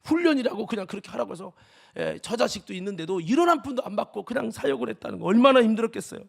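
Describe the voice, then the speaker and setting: High, gravelly-voiced impassioned preacher man. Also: lively intonation, racing. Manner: impassioned preaching, voice rising to near shouts. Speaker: pastor. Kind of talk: sermon.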